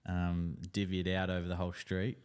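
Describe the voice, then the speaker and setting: A man's voice: low voice, completely flat delivery, brisk, a little mellow, smooth. A man with an Australian accent, chatting casually and explaining as an expert co-host. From South Australia. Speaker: lawn care expert co-host.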